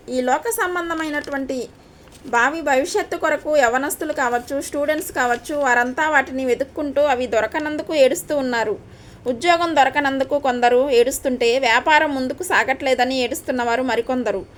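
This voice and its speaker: A woman from India delivers a devotional sermon in a high, light voice. She speaks earnestly and circles back to the same questions again and again to drive her point home. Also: slight background noise. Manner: earnest, repeats questions for emphasis. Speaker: preacher.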